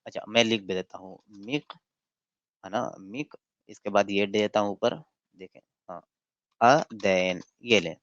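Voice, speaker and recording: A man's voice: on the low side, unhurried, pauses often, fairly bright tone, dry recording, dull audio. A man hosting a livestream debate, mocking his opponent and reading passages aloud in a lecturing way. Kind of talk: casual livestream debate and commentary.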